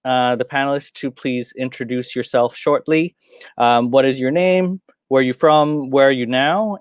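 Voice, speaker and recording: A man's voice: mid-range voice, clean tone, dry recording, studio quality. A young man from Thailand moderating an online panel, friendly and a bit hesitant, with frequent ums.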